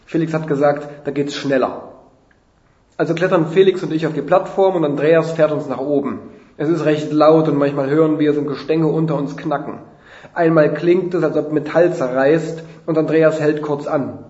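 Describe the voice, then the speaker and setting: Guy reading a funny story, kinda high voice, dry mock-drama, echoey dull recording. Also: steady tone, normal speed, warm tone. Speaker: reader of a humorous story. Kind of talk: comic first-person story reading. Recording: roomy, dull lo-fi sound.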